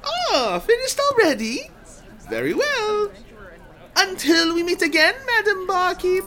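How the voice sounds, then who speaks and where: An actor playing a grandiose travelling bard in a fantasy audio drama, with florid old-fashioned speech and dramatic pauses. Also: very high-pitched, big pitch swings, full character voice. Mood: airy, courteous. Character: flamboyant, grandiose travelling bard, theatrical storyteller.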